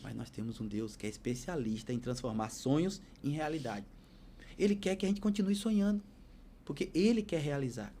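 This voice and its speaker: A man tells his life story on a podcast, earnest and preacherly. His voice sits a little high but sounds dark and mellow. A faint hiss of background noise runs under it. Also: lively intonation, a little fast. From Bahia, Brazil. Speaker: podcast guest. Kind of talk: storytelling testimony.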